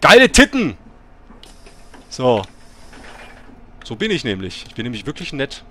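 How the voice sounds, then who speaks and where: A middle-aged man hosts a let's play of a bus simulator, chatting in a mid-range, sing-song voice at a moderate pace. He keeps breaking into sudden, angry swearing rants. There is slight background noise.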